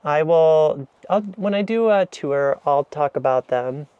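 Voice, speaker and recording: A man's voice: fairly high pitch, lively intonation, unhurried, clean tone, dry recording, dull audio. A man in a camper van giving a chatty, rambling, self-deprecating tour of his kitchen, filmed on an action camera. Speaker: vlogger. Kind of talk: casual kitchen walkthrough vlog.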